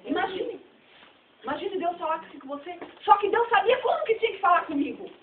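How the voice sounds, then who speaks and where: High-voiced fervent Brazilian woman preaching. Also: lively intonation, brisk, slight background noise. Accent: Brazilian Portuguese. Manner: fervent, emphatic preaching that swells into shouting. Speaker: preacher at a church fellowship. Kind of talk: sermon. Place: church hall. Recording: tinny, distant, echoey church recording.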